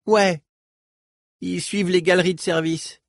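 A man's voice: high voice, steady tone, measured pace, creaky, dry recording, clean studio sound, voice pushed up. A man voicing a cheeky, greedy street boy in an audiobook, slangy and whining when cornered. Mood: cocky. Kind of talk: audiobook character voice.

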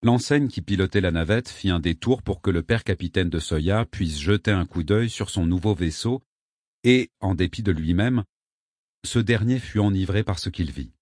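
A man giving a steady, measured scripted narration of an audiobook. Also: low voice, dry recording, studio quality.

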